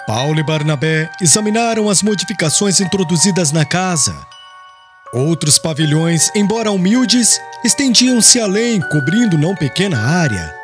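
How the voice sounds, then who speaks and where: Over glockenspiel-like music, a man with a high, lively voice reads a religious audiobook at a moderate pace. His scripted literary narration is solemn and formal, in a storytelling style.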